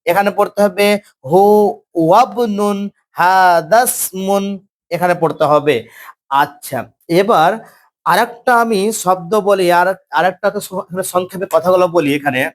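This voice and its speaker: High-voiced man teaching Arabic grammar. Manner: slow, drawn-out pronunciation of examples; repeats points and tells students to listen. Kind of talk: classroom grammar lecture.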